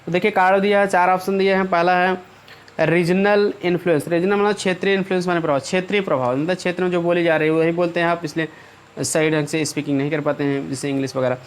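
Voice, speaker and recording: A male teacher with a high voice talks through English test questions in Hindi, restating each answer in several ways. He keeps checking in with his students and slows down carefully whenever he reads an English sentence aloud. A faint noise sits under the recording. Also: steady tone. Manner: repeats and rephrases, often checks in with "ठीक है". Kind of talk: exam-prep lesson explaining English in Hindi.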